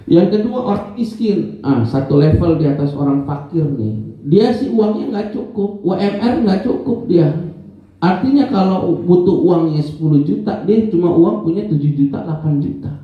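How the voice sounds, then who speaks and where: A man's voice: sits high, normal speed. A man giving an informal religious lesson in an office prayer room, chatty and storytelling, often quizzing his listeners. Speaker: religious teacher. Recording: echoey, dull lo-fi room sound.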